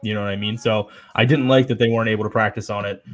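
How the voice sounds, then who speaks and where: A man's voice: lowish voice, fairly even intonation, racing. A young man co-hosting a casual sports chat show, rambling and opinionated with lots of fillers. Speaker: podcast co-host.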